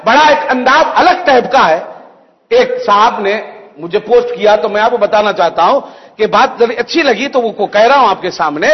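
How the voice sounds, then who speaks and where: A man preaches in a high voice, animated and building to emphatic peaks. He mixes humorous anecdotes into the sermon. The sound carries a long hall reverb and a dull, muffled tone. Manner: animated, acts out characters and rises to emphatic peaks.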